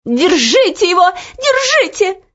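A woman voicing a spiteful young noblewoman who shrieks in a shrill, piercing voice. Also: big pitch swings, measured pace, a bit bright, full character voice. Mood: shrieking. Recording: dull lo-fi audiobook recording.

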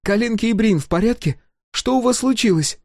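A man's voice: high-pitched, moderate pace, darkish tone, no echo, clean studio sound, voice pushed up. A man voicing an anxious young female fighter who talks urgently. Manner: urgent, pressing.

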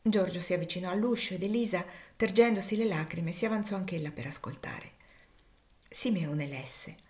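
A woman narrating an audiobook in a steady, clear storytelling manner. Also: on the low side, normal speed. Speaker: reader.

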